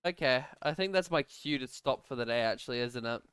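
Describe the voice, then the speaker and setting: A young man streaming a game, chatting casually, often laughing and breaking into frustrated shouts. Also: mid-range voice, animated, fairly quick, clean tone, dry recording. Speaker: gaming streamer. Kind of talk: casual gaming chat.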